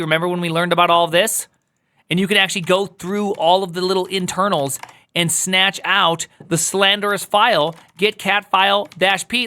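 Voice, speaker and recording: Bright slightly high guy doing a coding walkthrough, jokey asides, keys clacking. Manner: playful, joking asides to chat, jumps high when teasing. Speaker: coding instructor.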